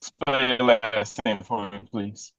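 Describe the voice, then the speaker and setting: Slow, pointed man cross-examining. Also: lowish voice, steady tone, fairly bright tone, dry recording. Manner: pointed, pressing, deliberate. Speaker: defense attorney. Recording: dull, dry lo-fi courtroom audio.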